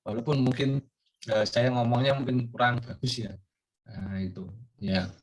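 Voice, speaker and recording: A man's voice: medium pitch, steady tone, normal speed. An older man giving a recorded course lecture, rambling with many fillers and questions put to his students.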